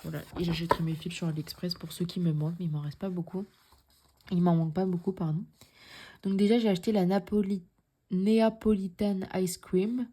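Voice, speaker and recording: Chatty woman with a low, mellow voice. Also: fairly even intonation, brisk, slightly rough. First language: French. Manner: chatty, repeats herself, drops into soft near-whispers. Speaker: cross-stitch vlogger. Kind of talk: casual show-and-tell vlog.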